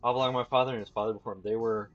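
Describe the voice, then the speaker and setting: A man's voice: medium pitch, steady tone, very fast, lo-fi sound, faint music behind, lightly acted. Chuck, a man doing a lisping creepy innkeeper. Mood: creepy cheerful. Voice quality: lisp, odd emphasis on words. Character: creepy grinning male innkeeper with lisp.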